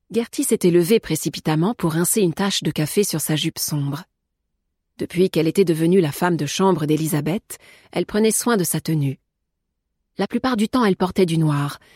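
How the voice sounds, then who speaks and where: A woman narrating a novel in a measured, even storytelling manner. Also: deep voice, breathy edge, no room sound, clean studio sound. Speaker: audiobook narrator. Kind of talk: scripted narration.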